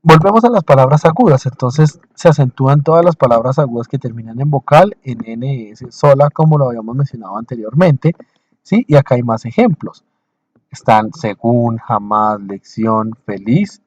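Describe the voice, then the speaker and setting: A male teacher giving a recorded lecture over slides, explaining in short, slow phrases, repeating points and checking in with his listeners. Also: mid-range voice, animated, a little mellow, no room sound, lo-fi sound.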